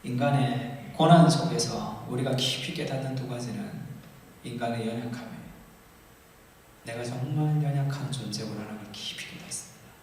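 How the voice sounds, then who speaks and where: A man's voice: mid-range voice, a little hiss or hum. Male pastor, passionate sermon delivery, distant mic in a reverberant hall. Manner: impassioned, acts out quoted prayers loudly. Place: church sanctuary. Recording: echoey hall, voice from far off.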